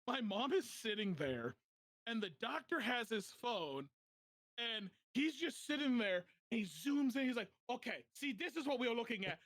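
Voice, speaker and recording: Young male podcaster, high pitch, animated storyteller, dead-dry mic. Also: dry recording. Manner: animated, laughing while telling a story. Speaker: podcast host. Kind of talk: casual storytelling.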